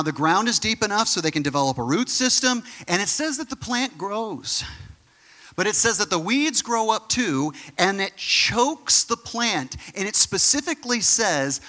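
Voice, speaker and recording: A man preaching a sermon in a lively, conversational way, with quick asides. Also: high-pitched, big-room sound.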